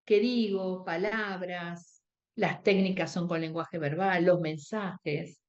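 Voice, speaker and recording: A woman's voice: medium pitch, a little mellow. Woman, Rioplatense Spanish accent, instructor, lecturing, acts out quoted lines, muffled lo-fi sound. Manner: explanatory, acts out quoted dialogue, asks the audience for agreement. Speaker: workshop instructor. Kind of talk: lecture on emotional first aid.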